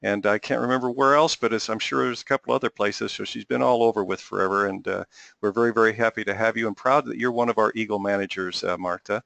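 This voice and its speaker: A middle-aged man hosting an interview, courteous and halting, with many filler sounds. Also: on the low side, steady tone, gravelly, a bit bright, no room sound. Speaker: host.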